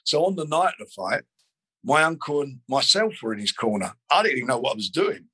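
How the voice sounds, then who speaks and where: Older man, husky and close-miked, rambling guest recalling the past. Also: medium pitch, very animated, brisk, pushed and bright, dry recording, low-quality recording. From London. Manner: rambling, frequent restarts and fillers. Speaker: boxing promoter. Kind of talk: interview, reminiscing.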